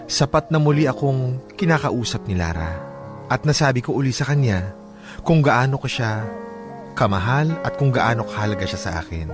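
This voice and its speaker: A Filipino radio host of a love-story show switches between dramatically reading letters from listeners and giving casual, blunt, humorous advice, mixing in some English, with music behind him. He speaks at normal speed in a mid-range voice with lively intonation.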